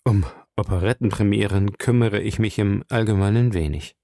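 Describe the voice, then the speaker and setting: A man's voice: lowish voice, moderate pace, dark tone, dry recording, clean studio sound, lightly acted. A man reading an audiobook voices an impatient former soldier turned police captain who speaks in a clipped way. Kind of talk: audiobook character voice.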